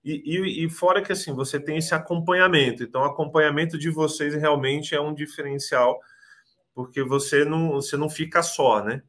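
A man's voice: on the high side, fairly even intonation, fairly quick, fairly bright tone. Hesitant Brazilian man on a video call. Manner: hesitant, repeats words, many "né" tags. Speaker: interviewee, immigration client. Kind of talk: casual interview over video call.

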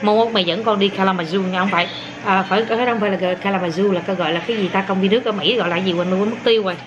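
A woman's voice: mid-range voice, steady tone, very fast, muffled recording. A woman filming her toddler and coaxing the child to repeat words in a casual home vlog. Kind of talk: casual family vlog chat. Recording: noisy home video recording.

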